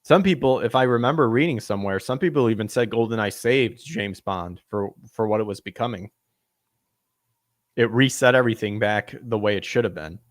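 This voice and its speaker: A man's voice: on the low side, fairly quick, dry recording, clean studio sound. Sarcastic man hosting a podcast. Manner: sarcastic, laughs at his own jokes, stumbles over words. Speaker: podcast host. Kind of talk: casual commentary reading news aloud.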